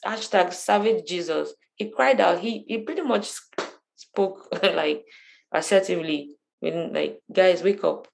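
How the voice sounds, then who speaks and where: A woman teaches a bible study in an easy, talky manner. Her voice carries a gravelly texture, and she stresses points by saying them again. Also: on the low side, low-quality recording. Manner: conversational, emphatic, repeats phrases for emphasis.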